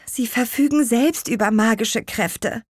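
A woman's voice: fairly high pitch, measured pace, dry recording, clean studio sound. A woman reading as a kind apple witch. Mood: reassuring. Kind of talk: children's audio story.

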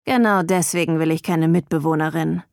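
A woman voicing a brash young man who talks in a gruff, offhand and condescending way, as a character in an audiobook. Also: lowish voice, lively intonation, normal speed, no room sound, clean studio sound. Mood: dismissive.

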